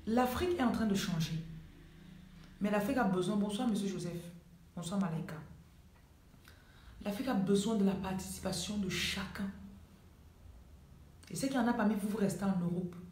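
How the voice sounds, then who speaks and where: A woman with a Cameroonian French accent gives a live motivational talk from her home, pressing her points hard and repeating the key lines for weight. Her voice sits at a middling pitch. It rings with the echo of a bare room. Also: normal speed, pauses often, darkish tone. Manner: emphatic, repeats key phrases for effect. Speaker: life coach.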